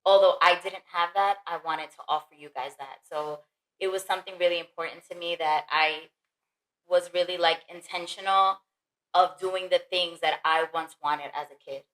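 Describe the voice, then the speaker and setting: A woman talking in a warm, earnest, reflective way on a family podcast. Her voice sits a little low and sounds bright and forward. The room behind her rings with a noticeable echo. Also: steady tone, normal speed. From the Bronx, New York. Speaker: mother and podcast guest. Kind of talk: casual family podcast chat. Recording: roomy echo.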